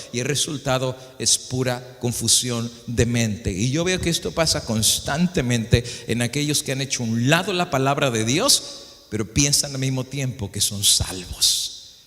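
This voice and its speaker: A man's voice: mid-range voice, a bit bright, long reverb tail. A male pastor preaching a sermon, telling a story and then building to impassioned preaching.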